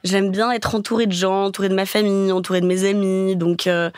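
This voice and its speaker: A woman's voice: mid-range voice, level tone, a little fast, darkish tone, dry recording, studio quality. A young woman from Paris, a guest in a casual podcast interview who talks candidly and fills her speech with hesitations. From Paris, France. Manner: candid, chatty, many fillers.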